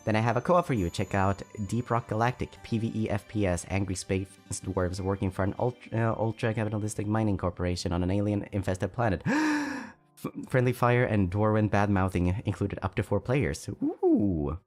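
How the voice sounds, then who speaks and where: A man's voice: fairly low pitch, fairly quick, hardly any pauses, darkish tone, faint music behind. A man streaming casually, reading donations aloud and answering chat, chatty and self-deprecating, often stumbling over his words. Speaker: VTuber streamer.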